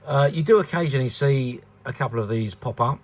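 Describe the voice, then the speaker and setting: A medium-pitched man talks briskly about a collectable he's presenting. He's a vintage toy dealer from the United Kingdom in his sixties, and his informal, unscripted commentary rambles and stumbles, with frequent repeated words.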